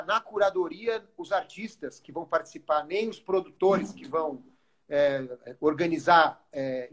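A Brazilian man, a city culture official, speaking earnestly in a live online interview, with frequent fillers and restarts. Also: high voice. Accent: Brazilian Portuguese.

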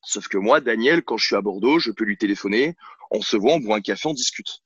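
A man's voice: lowish voice, animated, a little fast, fairly bright tone, slightly rough, dry recording, muffled recording. A man working as a sports coach, guest on a podcast, talking bluntly and outspokenly in a casual interview, with many hesitations and restarts. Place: at home on a couch, filming himself. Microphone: camera mic.

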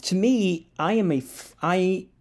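A man's voice: high-pitched, unhurried, a little mellow. A man from the South, hosting a casual solo podcast from his apartment, rambling with fillers and chuckles, a bit tired. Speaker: podcast host. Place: studio apartment.

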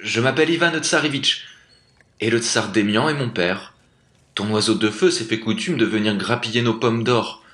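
A man's voice: moderate pace, fairly bright tone, lightly acted. A man voicing a naive young prince who pleads in a raised voice, in a storybook reading. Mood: pleading. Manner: pleading, higher than the narration. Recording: echoey room.

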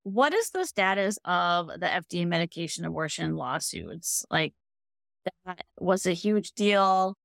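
Gravelly-voiced woman podcast host. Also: fairly low pitch, expressive, unhurried, a bit bright, no echo, clean studio sound. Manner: chatty questions with restarts. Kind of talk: podcast interview.

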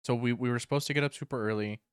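A young man co-hosting a casual podcast, relaxed and matter-of-fact as he recounts events. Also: mid-range voice, very fast, smooth, dry recording, studio quality. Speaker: podcast co-host. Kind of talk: casual chat.

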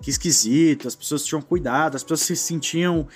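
A man's voice: fairly high pitch, brisk, a bit bright, faint music behind. A man in his forties with a Brazilian Portuguese accent, co-hosting a talk show and telling a childhood memory in a reflective, casual way, often adding a questioning "né". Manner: reflective, often adds "né" and trails off. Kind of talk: casual conversational storytelling.

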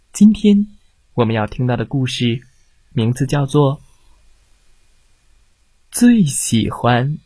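A man hosting a bedtime story show for children, reading aloud in a soft, lilting storytelling manner. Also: mid-range voice, dry recording. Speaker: storyteller host.

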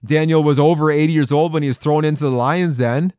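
This is a brisk, slightly high voice with a darkish yet clean tone, captured dry in studio quality. It belongs to a man in his forties giving men an encouraging, folksy podcast sermon full of playful asides and chuckles.

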